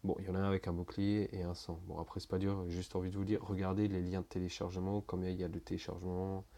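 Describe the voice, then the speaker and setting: Young guy, lowish voice, laid-back how-to narration, rambling and full of filler words, swears now and then. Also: little pitch movement, fast, creaky, warm tone. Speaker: tutorial maker. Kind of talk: casual screen-recording tutorial.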